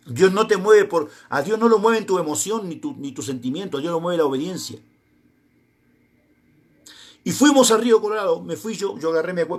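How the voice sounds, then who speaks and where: A middle-aged man with an Argentine accent preaching a sermon, telling a personal testimony and acting out both sides of the conversations in it. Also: high voice. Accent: Argentine Spanish.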